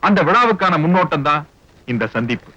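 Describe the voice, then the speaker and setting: An actor playing a smooth-talking, scheming male villain who speaks in a condescending way. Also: fairly high pitch, big pitch swings, a little fast, bright, forceful tone, dry recording, heavily acted. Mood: pompous. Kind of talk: film dialogue. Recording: dull film soundtrack with music.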